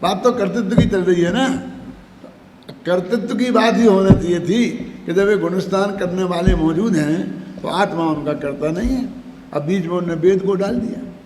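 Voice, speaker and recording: An older man giving a scripture discourse, explaining slowly, chanting verses and asking the audience questions. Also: high voice, a little mellow. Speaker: Jain scripture lecturer. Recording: echoey hall, faint background noise.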